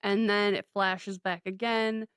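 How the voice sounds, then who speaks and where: A woman's voice: medium pitch, little pitch movement, a little slow, a bit bright, smooth, no room sound. Woman co-host, casual film recap, "like"-heavy and swears, dry close sound. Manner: chatty, swears freely, heavy use of "like". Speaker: podcast co-host. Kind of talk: casual movie recap chat.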